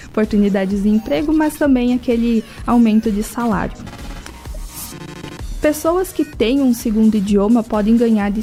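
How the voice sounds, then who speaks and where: In a radio interview, a language-school guest with a southern Brazilian accent explains things in a didactic way. She often asks rhetorical questions and tacks on check tags. Her voice is a little high and warm.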